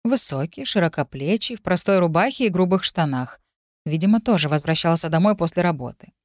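Woman narrating an audiobook, low and dry. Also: no echo. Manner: even, measured reading. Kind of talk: first-person audiobook narration.

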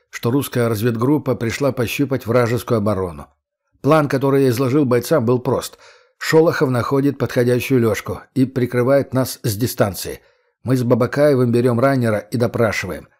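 A man narrating a first-person military story as an audiobook, in a measured, even manner. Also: mid-range voice.

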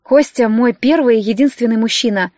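A woman's voice: fairly high pitch, brisk, a little mellow, no room sound, highs cut off, lightly acted. A woman reading an audiobook voices a distressed young wife who speaks in a pleading, trembling manner.

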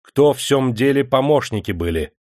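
A man playing a cruel, dry official who interrogates a prisoner in a slow, menacing way. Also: mid-range voice, animated, darkish tone, no echo, voice pushed up, close to an everyday voice.

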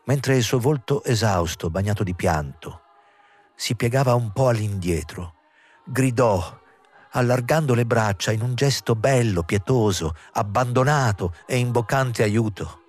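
A man reading a literary novel aloud as an audiobook narrator, measured and expressive. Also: mid-range voice, faint music behind. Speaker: audiobook reader.

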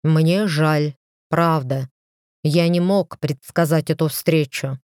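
A woman's voice: sits low, fairly even intonation, slow, darkish tone, dry recording, studio quality. A woman voicing a proud, commanding male lord who speaks firmly and curtly. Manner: firm, curt, commanding. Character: stern proud male lord, a dragon-like ruler.

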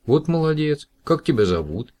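A man reading aloud and voicing a lively, exclaiming young woman in a children's story. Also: a little high, moderate pace, voice pushed up. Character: young woman computer operator, emotional.

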